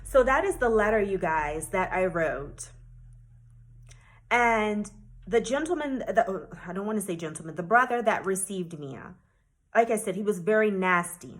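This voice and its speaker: A woman's voice: medium pitch, lively intonation, moderate pace. A woman vlogger telling a personal story to her viewers, emphatic and indignant, addressing them directly. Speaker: travel vlogger.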